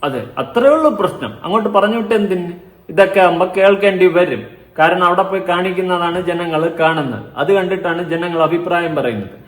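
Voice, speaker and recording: A man's voice: high voice, brisk. A young man hosting a reaction vlog, commenting in a mocking, sarcastic, lecturing manner. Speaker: vlogger and show commentator. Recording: echoey room.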